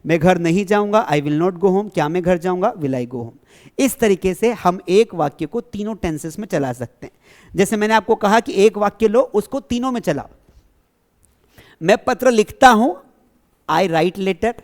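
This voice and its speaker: A man's voice: high voice, moderate pace, darkish tone. A man teaching an English grammar lesson to a class. He keeps checking that the students follow, and he asks questions and then answers them himself. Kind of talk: classroom lesson explaining tenses.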